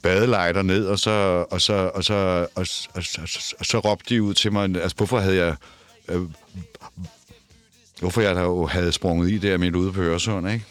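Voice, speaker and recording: A man's voice: low voice, fairly even intonation, soft background music. An older man being interviewed in a studio, talking casually and stammering, often repeating words and restarting. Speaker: interview guest. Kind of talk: casual conversation. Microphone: headphones and studio mic.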